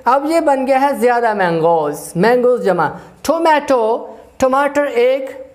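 A woman teaching an English grammar lesson, explaining slowly, repeating herself and spelling words out letter by letter. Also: sits high, animated, darkish tone. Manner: slow, repetitive, spells out letters one by one.

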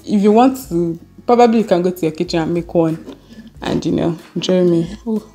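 A young woman chats to her viewers between bites, telling a story in a relaxed, easygoing way. Her voice sits a little low and sounds mellow and dark. Faint music plays behind her. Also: normal speed. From Nigeria. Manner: chatty, laughing, eating on camera. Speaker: vlogger. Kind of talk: casual storytelling while eating.

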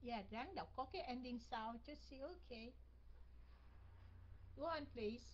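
Vietnamese lady teacher drilling english sounds, kinda high voice, muffled call audio. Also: unhurried, a little hiss or hum. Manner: coaching, repeats words to model pronunciation. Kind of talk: online English pronunciation lesson.

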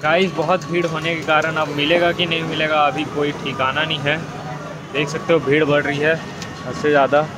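A teenage boy with a fairly high voice vlogs outdoors on a phone held at arm's length, walking through streets and a stadium. He talks a little fast with little pitch movement, chatting casually and calling his viewers "guys," and the recording is noisy.

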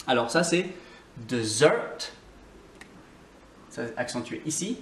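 Man teaching with many hesitant pauses. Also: medium pitch, lively intonation, far from the mic. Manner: hesitant, many "euh" fillers, repeats words slowly. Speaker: English teacher. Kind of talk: casual video lesson. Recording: roomy echo, voice off-mic, faint noise.

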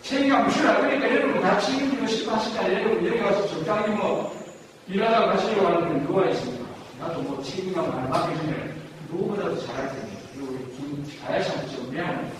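A man's voice: sits high, fast. Man, professor, theatrical lecture, far from the mic, long hall reverb. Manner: theatrical, acts out scolding and praise lines. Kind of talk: lecture to staff. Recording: distant echoey hall with noise.

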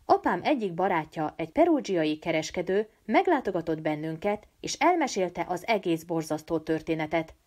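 A woman's voice: fairly low pitch, very animated, few pauses, a little mellow. A woman voicing an easygoing young male student from Pisa, light, evasive and teasing. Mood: light, wry.

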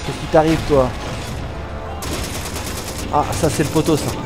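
French-sounding? no — just a chatty gamer dude, swears a lot, game music loud behind. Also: male voice, fairly high pitch, a little slow. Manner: excitable, swears, talks to the game. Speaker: let's play gamer. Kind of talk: casual gameplay commentary.

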